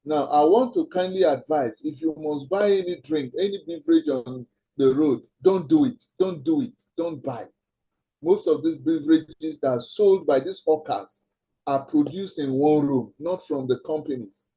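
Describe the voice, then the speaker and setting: A man with a Nigerian accent hosting an online health talk, giving earnest advice with many pauses and repeated warnings. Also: fairly high pitch, warm tone, slightly rough, rough recording.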